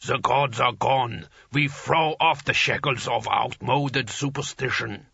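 A colossal, slow-witted ice giant, voiced by a man, rumbling in plodding broken grammar. The tone stays bright and a little husky. It sounds dull and dry, like a close studio read. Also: dry recording, heavily acted. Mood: blunt, rumbling.

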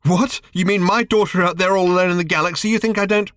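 A man's voice: steady tone, fast talker, a bit bright, clean tone, no echo, studio quality. A man voicing Arthur, a weary, sarcastic human man, in an audiobook reading. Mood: exasperated. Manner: shrill, sarcastic outbursts. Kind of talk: audiobook character voice.

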